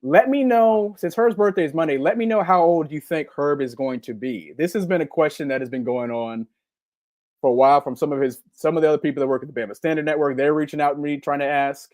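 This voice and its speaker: A man in his forties with a Southern US accent talks casually on a live podcast, drifting along with plenty of ums. His voice sits a touch high for a man. The sound is dry and close, with no room echo. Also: quick pace. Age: 40s. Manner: relaxed, rambling, chatty with filler ums. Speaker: podcast co-host. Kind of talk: casual live-stream chat.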